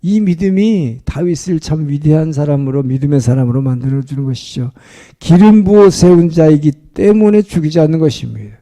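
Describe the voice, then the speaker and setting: A male pastor tells a story from the pulpit in a relaxed, storytelling sermon style. His voice is mellow and sits slightly high, and he drops frequent short affirmations between phrases. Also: brisk.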